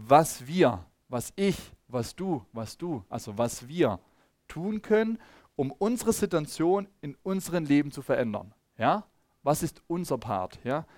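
A man preaching a sermon in a lively, conversational way, calling out to the congregation and sometimes searching his notes. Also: fairly high pitch, no echo, studio quality. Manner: lively, calls on congregation, loses track of notes.

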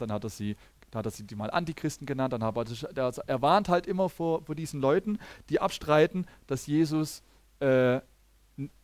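A man giving a teaching sermon, talking lively, often checking in with listeners and acting out the people he quotes, with frequent restarts. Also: a little high, dry recording. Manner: restarts sentences and acts out quoted speakers. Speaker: preacher.

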